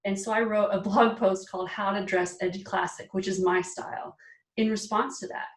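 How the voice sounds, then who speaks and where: A lively, emphatic woman in her forties talks about personal style as an interview guest, mid-pitched and often laughing. Her voice sits some way from the microphone, so it sounds distant. The room adds a noticeably echoey tail. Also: moderate pace. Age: 40s. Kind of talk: casual interview chat.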